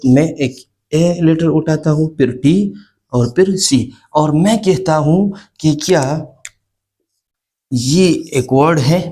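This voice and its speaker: A man's voice: fairly high pitch, warm tone, breathy edge. A man teaching a beginner English lesson, explaining step by step, repeating key points and asking and answering his own questions. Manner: often adds checking tags like "okay" and "isn't it". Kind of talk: classroom lesson explaining letters and sounds.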